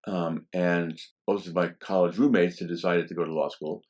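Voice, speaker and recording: A man in his seventies speaks in a deep, low voice. He is a law professor looking back on his early years. He tells his stories in a relaxed, anecdotal way and often pauses on "um". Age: 70s. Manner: relaxed and anecdotal, with frequent "um" fillers. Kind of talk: reminiscing interview storytelling.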